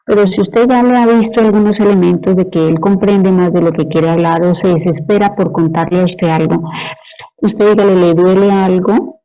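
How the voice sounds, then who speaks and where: Woman, lecturer, relaxed dark voice, patient, keeps asking if students follow. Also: fairly low pitch, moderate pace, dull audio. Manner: explanatory, asks "¿sí?" to check understanding. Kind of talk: university lecture.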